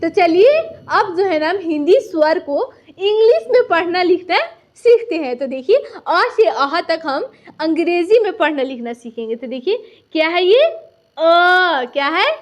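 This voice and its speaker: A woman's voice: extremely high pitch, lively intonation, a little slow. A woman teaching a recorded lesson, patiently repeating each point and asking and answering her own questions.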